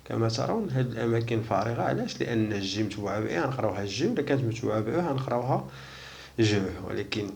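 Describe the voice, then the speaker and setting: A man with a Moroccan Arabic accent teaching a French lesson, slowly repeating syllables one at a time. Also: medium pitch, animated, gravelly, a little mellow. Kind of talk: recorded language lesson.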